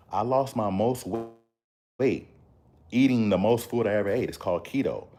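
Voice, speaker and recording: A man's voice: sits low, mellow. A man, talking casually to camera with a preachy, emphatic, repetitive manner. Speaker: motivational vlogger. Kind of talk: casual motivational talk to camera.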